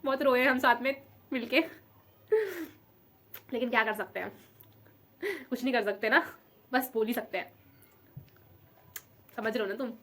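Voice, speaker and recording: A woman's voice: on the high side, steady tone, measured pace, pauses often, fairly bright tone. A young woman vlogging in casual chat, emotional and affectionate, rambling as she talks. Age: young adult.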